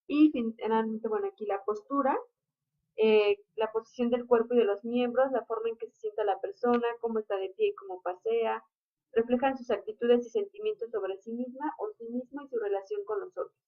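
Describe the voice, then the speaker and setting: A woman reads lecture notes aloud in a steady, explanatory way. Her voice sits somewhat high for a woman. The recording is dull and lo-fi. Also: moderate pace.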